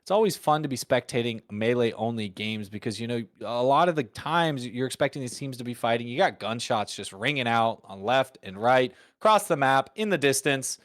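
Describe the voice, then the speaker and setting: A man's voice: medium pitch, lively intonation, moderate pace, hardly any pauses, no echo, clean studio sound. A man doing casual, joking esports commentary in a playful, rambling way.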